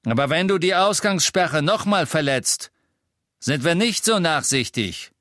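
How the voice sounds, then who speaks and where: A man voicing a blunt, menacing dark wizard henchman. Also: fairly high pitch, expressive, unhurried, dry recording, studio quality, pitched above the performer's own voice. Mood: threatening. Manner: blunt, threatening.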